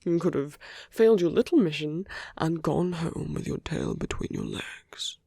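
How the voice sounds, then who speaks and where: An ASMR performer plays a smug, seductive villain, speaking close and dry with lots of gravelly fry at a medium pitch with huge swings. The heavily acted delivery is intimate, teasing and drawling, drifting from a breathy murmur into frequent whispers at a moderate pace, like a romantic audio roleplay. The tone is dark yet amused, and there's no room sound.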